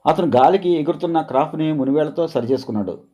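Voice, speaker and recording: Male storyteller, calm scripted narration, mellow tone. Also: fairly high pitch, fast.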